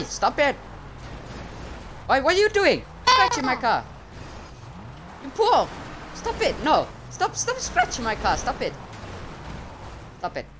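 Man putting on a hot-tempered Arabic-accented driver, swooping pitch. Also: pushed and bright, full character voice. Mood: angry. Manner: foul-mouthed, confrontational. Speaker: gamer. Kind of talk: improvised online game role-play. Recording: noisy game audio with vehicle sounds.

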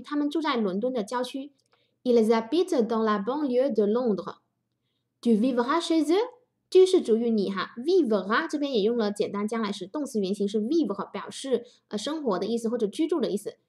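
A woman teaching French grammar in Chinese, explaining each sentence patiently and step by step. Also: a little high. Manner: patient, adds soft sentence-final particles.

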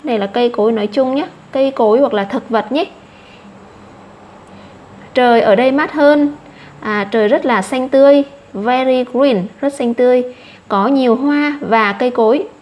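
A woman with a Vietnamese accent gives an English vocabulary lesson to children. Her voice sits a little high, and she repeats each English word slowly and patiently before explaining it. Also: a little mellow. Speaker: English teacher.

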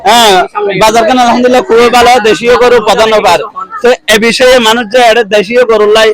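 A male field reporter speaks in a high voice with a Chattogram Bangladeshi accent. His delivery is quick and eager, yet halting, with repeated words as he presents and asks questions on location. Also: steady tone, crowd noise, rough recording. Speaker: reporter for a local online channel. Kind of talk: on-location market report with interviews. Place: outdoor cattle market.

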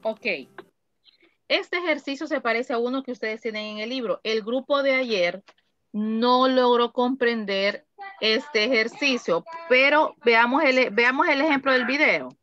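Woman teaching english slowly, kinda muffled dull sound. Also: on the high side, sharp tone, faint music behind. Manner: slow, careful, repeats phrases for students. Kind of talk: online class explaining grammar.

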